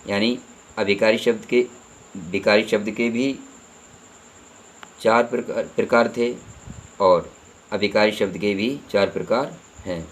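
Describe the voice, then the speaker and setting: Grammar teacher, male, lowish voice, repeats himself and asks rhetorical questions, faint cricket noise behind. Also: fairly even intonation, unhurried, pauses often, low-quality recording. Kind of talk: explanatory grammar lesson.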